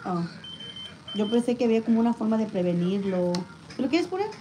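A woman's voice: on the high side, a little fast. A woman vlogging a family hospital visit, chatting and teasing casually in a mix of Spanish and English. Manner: joking, teasing, playful. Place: hospital room. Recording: hospital room with steady background noise.

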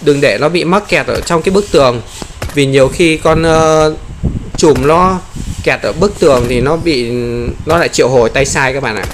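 A man giving excited gameplay commentary, often exclaiming and playfully taunting enemies. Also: a little high, moderate pace, background noise.

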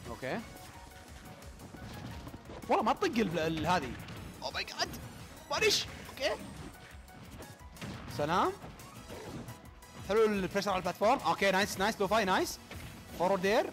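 A young man giving live esports play-by-play commentary, excitable and rapid-fire, with a voice worn out from a long day of calling matches. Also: high-pitched, over music. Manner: excitable, rapid-fire calls that burst into shouts. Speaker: tournament commentator.

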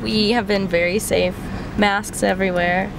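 A woman's voice: medium pitch, fairly even intonation, normal speed, creaky. A young woman joking around with friends inside a van, teasing in a dry way. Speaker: friend on the trip. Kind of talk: casual chat. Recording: loud road and car noise.

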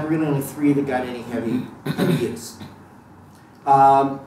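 A somewhat high-voiced man lectures on Thelema to a live audience in a lecture room, thoughtful and prone to digression, often restarting and using fillers. He's captured from a distance, so the room echoes and there's faint noise.

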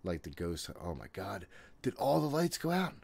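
Streaming a horror game indoors from a small home room, this man in his thirties keeps up casual, jittery, exasperated self-talk full of swearing. His lowish voice is gravelly, husky and darkish, with a sing-song lilt at a moderate pace. He's picked up by a desk microphone while wearing a headset.

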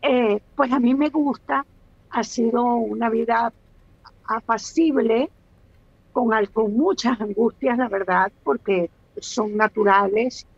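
A woman's voice: a little high, takes it slowly, dull audio. A Venezuelan woman in her sixties, a guest speaking on a video call, thoughtful and hesitant with many restarts. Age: 60s. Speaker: guest, actress. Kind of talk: casual interview chat.

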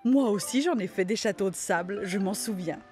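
A woman voicing a friendly, sensible father rabbit in a storybook cartoon, in a plain steady telling. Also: medium pitch, brisk, faint music behind, lightly acted.

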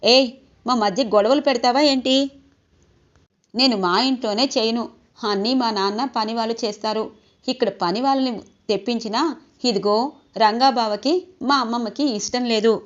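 A woman's voice: medium pitch, normal speed, close to an everyday voice. A woman voicing a jealous, pushy young woman who scolds and sulks. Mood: indignant. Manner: bossy, sulking, scolding. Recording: dull lo-fi recording.

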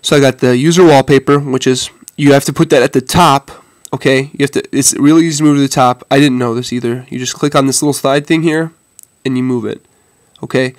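Speaking at a medium pitch with a steady tone, a man with a head cold moves fairly quickly through a casual phone demo with few pauses. He sounds stuffy-nosed and congested, hesitant yet informal, calling viewers "guys." There's no room sound.

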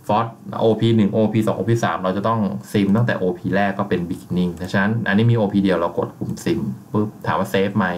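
A man with a fairly low voice walks through a software tutorial step by step. He keeps a relaxed, patient pace and fills pauses with polite filler words. A faint hiss sits under the recording. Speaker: software instructor.

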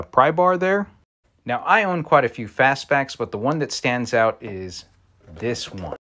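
A man's voice: medium pitch, fairly bright tone. A man giving a casual product review of tools, with wry, joking asides. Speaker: tool reviewer.

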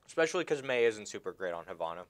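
Low-voiced young man calling an esports match. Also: sing-song, rapid-fire, no echo, soft background music. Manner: analytical, explains game mechanics at length. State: talking while chewing food. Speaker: esports caster. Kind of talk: esports game commentary.

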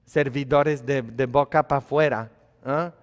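Speaking a little slowly in a steady, medium-pitched voice, a priest preaches to his congregation in a conversational way, asking them questions and swinging from quiet asides to loud emphasis. The church setting adds long hall reverb.

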